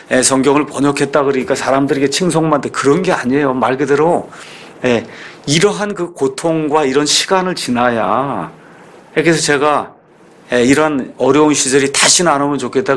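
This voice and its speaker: A man's voice: mid-range voice, normal speed. A middle-aged male pastor preaching to his congregation in a church, in a conversational, confiding way, often asking them questions. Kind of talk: sermon.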